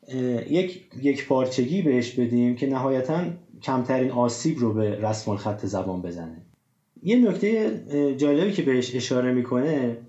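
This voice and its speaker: A man's voice: medium pitch, dark tone. A man hosting a casual discussion, explaining with many examples and hesitant fillers. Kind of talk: casual discussion of Persian writing rules. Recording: roomy, dull lo-fi sound.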